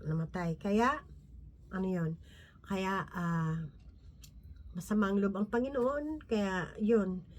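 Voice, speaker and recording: A woman giving an informal Bible talk as a lay preacher, talking conversationally with frequent tag questions, restarts and soft laughs, and reading scripture slowly from her notes. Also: a little high.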